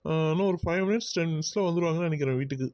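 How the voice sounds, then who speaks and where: A man's voice: a little high, rapid-fire, a little mellow, no room sound, dull audio, lightly acted. A man voicing an exasperated young man who grumbles and sighs about being pushed into marriage in a cartoon. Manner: grumbling, sighing.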